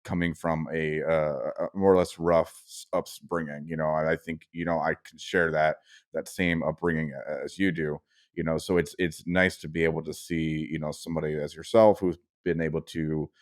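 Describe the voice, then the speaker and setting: A man with an extremely deep voice and a flat, narrow range. He interviews casually and supportively, feeling his way haltingly through each thought. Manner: supportive, halting, tentative phrasing. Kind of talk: casual chat.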